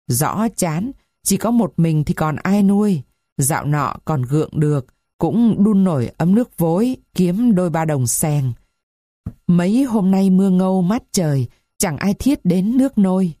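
A woman voicing a dying blind old woman who speaks in a faint, trembling, rasping way. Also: on the low side, lively intonation, unhurried, mellow, no echo, studio quality. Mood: weary.

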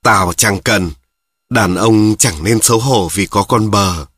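A man narrating gives voice to a coarse old father in a spoken story. He is blunt and quick to curse, with a slightly lower, husky sound. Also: a bit bright, exaggerated voice. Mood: gruff. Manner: blunt, swearing.

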